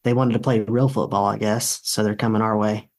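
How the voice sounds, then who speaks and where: A man's voice: fairly low pitch, a little fast. Good-humored young man from South Georgia. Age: young adult. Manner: relaxed, good-humored storytelling. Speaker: guest, author and speaker. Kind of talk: casual interview.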